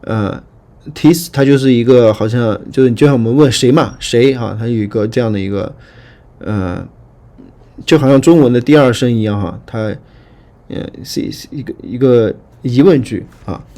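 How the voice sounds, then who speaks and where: A man teaching Greek grammar in a lecture, patient and repetitive, often checking that students follow and reading word forms aloud slowly. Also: medium pitch, warm tone. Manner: patient, repetitive, frequent fillers and checking questions. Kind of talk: online lecture explaining grammar.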